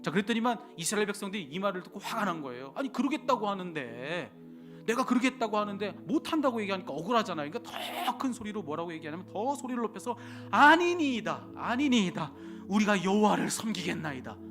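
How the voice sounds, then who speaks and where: Korean pastor preaching with rising, falling intensity. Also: male voice, high voice, sing-song, quick pace, music in the background. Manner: dramatic sermon delivery with sudden loud and hushed phrases; acts out biblical dialogue in casual speech. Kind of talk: sermon.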